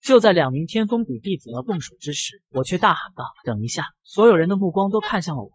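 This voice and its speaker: Guy racing through comic recap narration, husky voice, fairly high. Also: expressive, dry recording. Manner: brisk storytelling. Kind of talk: scripted narration.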